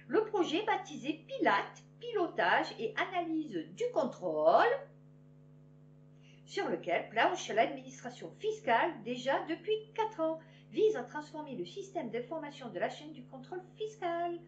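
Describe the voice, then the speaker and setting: A woman reading news headlines aloud and adding sarcastic, animated asides to her viewers. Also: high-pitched, measured pace. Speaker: news commentator. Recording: roomy, dull lo-fi with faint hum.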